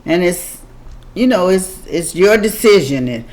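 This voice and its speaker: A woman's voice: on the low side, lively intonation, a little slow, a little mellow. An older woman co-hosting a casual chat with her husband, playful and teasing, repeating catchphrases. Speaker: podcast co-host. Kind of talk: casual chat between spouses.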